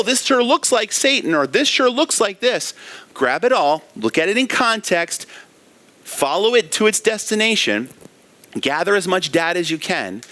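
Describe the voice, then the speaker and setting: A man preaches in a church with a bright, forceful voice. His pitch swings widely as he asks rhetorical questions and stresses the scripture he reads. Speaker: pastor. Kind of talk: expository sermon.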